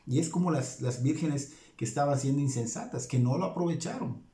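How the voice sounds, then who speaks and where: A man's voice: fairly high pitch, a little fast, warm tone, roomy sound. A man with a Mexican Spanish accent preaching a sermon in a church, impassioned and repeating phrases for emphasis. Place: church hall.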